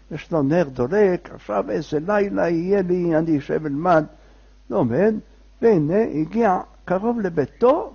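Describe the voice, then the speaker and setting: Animated husky male storyteller. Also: high-pitched, muffled recording. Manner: animated, with asides to the listener. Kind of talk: oral folk tale telling.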